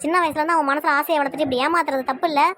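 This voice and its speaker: A woman's voice: high voice, steady tone, racing, fairly bright tone, dry recording, clean studio sound. A woman with a Tirunelveli Tamil accent voicing an angry, sarcastic mother in a cartoon family quarrel. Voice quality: nagging, sarcastic. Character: angry mother siding with her brother. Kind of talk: cartoon voice acting.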